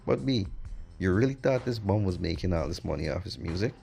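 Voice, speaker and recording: A man with a low, gravelly voice rolls through a film recap, blunt and mocking, dropping slang as he goes. Faint music sits beneath his commentary. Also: animated, a little fast, mellow. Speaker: movie reviewer. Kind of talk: sarcastic movie review commentary.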